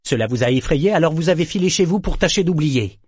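A man's voice: fairly high pitch, expressive, fast, darkish tone, slightly rough, dry recording, clean studio sound, voice pushed up. A man voicing a blunt, sardonic male sailor in an audiobook, mocking and needling in his delivery. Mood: pointed. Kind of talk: audiobook character voice.

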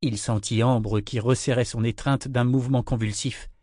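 A man reading a novel aloud in measured scripted narration. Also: mid-range voice, steady tone, a little mellow, dry recording, clean studio sound. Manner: measured, storytelling. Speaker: audiobook narrator.

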